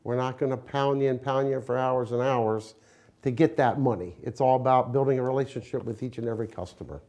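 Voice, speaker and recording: A man's voice: mid-range voice, a little fast, darkish tone. An American man, a business owner, giving a conversational promotional interview in a plain-spoken, explanatory, folksy way. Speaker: window company owner, interviewee.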